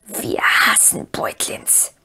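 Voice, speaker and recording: A woman reading aloud and voicing the hoarse, hissing dark side of a wretched male creature, greedy and scheming as he mutters to himself. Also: takes it slowly, whispered. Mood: hateful.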